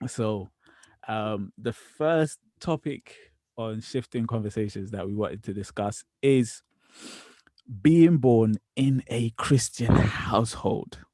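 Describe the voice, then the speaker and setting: A man in his twenties hosting a casual podcast chat, relaxed and easygoing, with frequent ums. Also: lowish voice, slow pace, no echo. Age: 20s. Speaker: podcast host.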